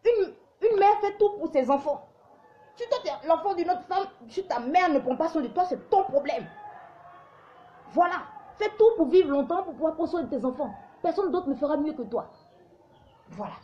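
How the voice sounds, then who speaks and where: A woman's voice: high-pitched, expressive, normal speed, dark tone, dull audio, slight background noise. A woman from Africa hosting a live show, giving opinionated commentary in an emphatic, preachy way that often stumbles and restarts.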